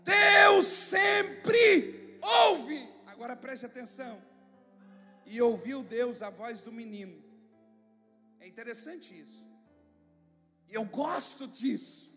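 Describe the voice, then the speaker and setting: A man preaching an evangelical sermon as pastor, surging into shouts and leading his church in call-and-response. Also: very high-pitched, unhurried, pauses often. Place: church sanctuary. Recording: long church reverb with music behind.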